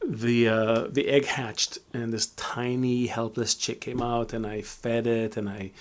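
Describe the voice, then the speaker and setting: Middle-aged man from Israel, reflective teacher in a live Q&A, halting and full of restarts, mid-pitched voice. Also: little pitch movement. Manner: reflective, many fillers and restarts. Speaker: Kabbalah teacher. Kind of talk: live Q&A talk.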